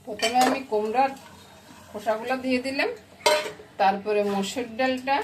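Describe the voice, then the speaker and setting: A woman's voice: fairly high pitch, moderate pace. A middle-aged woman from Bangladesh with a Noakhali Bengali accent, chatting casually as a cooking vlogger and often checking that viewers follow her. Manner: chatty, keeps asking viewers "you get it?". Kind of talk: casual cooking vlog chat. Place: home kitchen. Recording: loud kitchen frying noise. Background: frying and sizzling.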